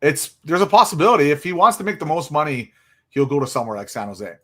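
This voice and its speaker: A man's voice: fairly high pitch, sing-song, fast, bright, forceful tone. A young man hosting a casual hockey livestream, chatty and rambling with lots of fillers, tired and yawning from little sleep. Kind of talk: casual live stream chat.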